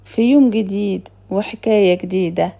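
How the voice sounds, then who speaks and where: A woman's voice: medium pitch, normal speed, gravelly, mellow. A woman with an Egyptian Arabic accent telling scripted animal fables for children, in the manner of a traditional folk-tale storyteller.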